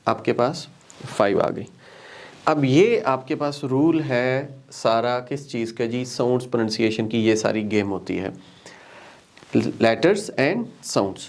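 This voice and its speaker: A man's voice: mid-range voice, measured pace. A man with a Pakistani accent teaching English pronunciation, repeating words one by one for learners. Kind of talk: classroom lesson mixing Hindi-Urdu and English.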